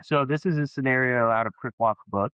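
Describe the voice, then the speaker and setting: A man teaching a sales technique in a casual explainer video, talking in a halting way with many fillers and restarts. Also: medium pitch, fairly bright tone, clear, resonant tone, dry recording, dull audio. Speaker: sales trainer.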